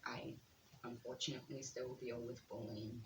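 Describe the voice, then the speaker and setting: A vlogger in their late thirties giving earnest advice straight to camera, speaking softly and pausing often with ums. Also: medium pitch, flat delivery, roomy sound, noisy background. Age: 30s. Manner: soft-spoken, slow, with frequent ums.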